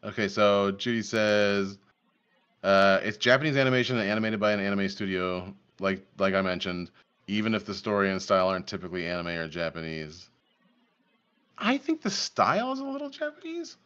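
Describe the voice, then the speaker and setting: A man's voice: fairly low pitch, lively intonation, a little fast, fairly bright tone, clear, resonant tone. A man hosting a live podcast stream, reacting casually and laughing often. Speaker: podcast host. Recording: dull lo-fi stream audio.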